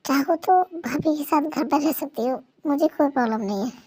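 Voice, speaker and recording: A woman's voice: high voice, moderate pace, darkish tone, close to an everyday voice. A girl dubbing a cold possessive young husband. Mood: flat dismissive. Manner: taunting, scornful. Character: cold possessive young man holding his wife captive. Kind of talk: amateur fan dub acting.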